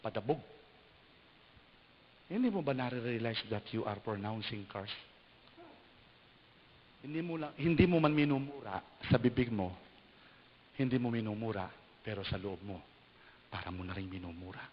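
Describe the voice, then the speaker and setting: A man preaching an animated sermon, a bishop who leaps into high mocking voices when he acts out the people he quotes. His voice rings out with a long hall echo, and the recording sounds dull with a faint hiss underneath. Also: moderate pace, pauses often.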